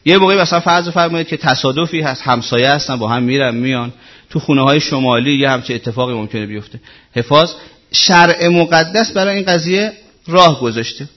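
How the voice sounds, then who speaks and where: A middle-aged male cleric giving a conversational religious talk, repeating himself and asking rhetorical questions. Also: a little high. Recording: muffled lo-fi recording.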